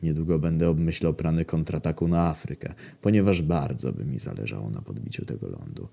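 A man's voice: extremely low pitch, a little fast, creaky, mellow, slightly rough. A man reading a scripted comic story in first person, dry and matter-of-fact with mock-heroic swagger. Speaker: story narrator.

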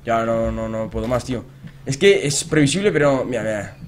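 A young man with a Spain Spanish accent giving gameplay commentary, excitable and repeating phrases as he swings between muttering and shouting. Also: medium pitch, fairly quick, a little hiss or hum. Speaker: gaming youtuber.

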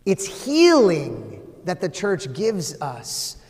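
A priest in his forties preaching a sermon in a large church, animated, with swings from loud emphasis to a near-whisper. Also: sits high, drawn-out words. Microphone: far camera, no visible mic. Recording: long church reverb.

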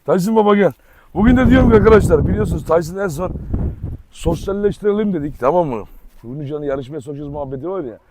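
A man hosting a casual outdoor vlog with his dogs, chatting and now and then shouting commands at them in a yard. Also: a little high, animated, fast talker, noisy background. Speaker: dog owner and channel host.

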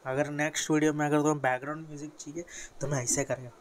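A teenage Indian boy with a fairly high, barely shifting voice rattles off a casual screen-recorded mobile game tutorial from his bedroom, a fan running and crowd noise audible. His talk rambles, packed with fillers and self-corrections.

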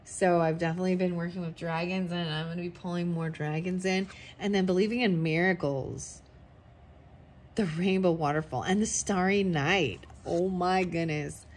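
A young woman giving a casual tarot reading, thinking aloud and often breaking into excited exclamations. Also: on the low side, normal speed, a little hiss or hum. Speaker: tarot reader.

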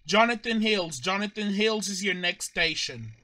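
A man's voice: sits high, expressive, normal speed, pushed and bright, a little hiss or hum. A man giving formal, repetitive, scripted announcements as a train announcer.

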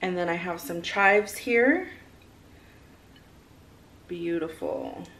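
A woman's voice: fairly low pitch, expressive, extremely slow. Woman cooking casually over kitchen sizzle. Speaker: home cook and vlogger. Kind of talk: casual cooking instruction to viewers. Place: home kitchen. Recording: clear frying and kitchen noise. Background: sizzling food, stirring.

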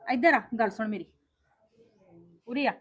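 Acting in a homemade family drama, a woman plays a strict but loving mother who scolds her daughters quickly, then coaxes them. Her voice is a little high with a breathy edge, and there's no echo.

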